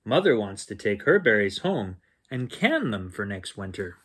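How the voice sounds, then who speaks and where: A man's voice: fairly low pitch, very animated, normal speed, fairly bright tone, breathy edge, heavily acted. A man voicing a practical, patient mother instructing her little daughter in a storybook. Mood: gently instructing.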